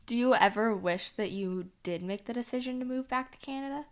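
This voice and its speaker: A woman's voice: a little high, a little fast. A young woman hosting a casual interview podcast, asking questions steadily and laughing along. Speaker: podcast host.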